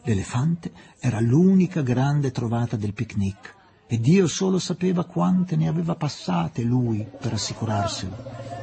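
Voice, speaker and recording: Narratore espressivo dalla voce calda. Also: male voice, medium pitch, lively intonation, unhurried, creaky, mellow. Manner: dramatic, varied delivery. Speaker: audiobook reader. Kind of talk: expressive literary narration.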